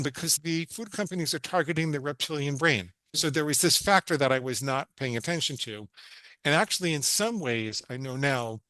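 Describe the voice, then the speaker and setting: A man's voice: mid-range voice, fairly bright tone, dry recording. A middle-aged man from New York, a psychologist guesting on a podcast, telling his own story in an earnest, explaining way and often quoting his past thoughts. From New York, USA. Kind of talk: personal storytelling in a podcast interview.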